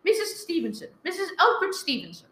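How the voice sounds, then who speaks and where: A woman's voice: very high voice, sing-song, fairly quick, bright, forceful tone, full character voice. A woman playing an anxious, imperious, bedridden wife in a radio thriller, stammering and easily exasperated. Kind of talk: old radio thriller acting. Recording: roomy echo, live one-take recording.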